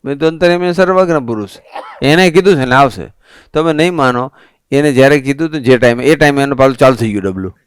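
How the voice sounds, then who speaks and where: A monk preaching a sermon to a family assembly, telling stories in an animated, conversational way. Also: male voice, medium pitch, fast talker, smooth, no room sound, studio quality. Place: assembly hall at a resort.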